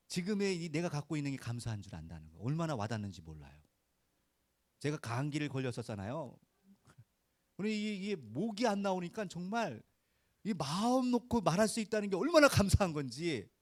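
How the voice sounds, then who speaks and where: A pastor with a fairly high voice, captured on a dry recording, gives a casual, folksy Sunday sermon. He keeps asking his listeners short rhetorical questions and urging them to answer.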